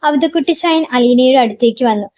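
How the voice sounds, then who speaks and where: A woman narrating a novel aloud in a steady storytelling manner. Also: high-pitched, a little fast, no room sound.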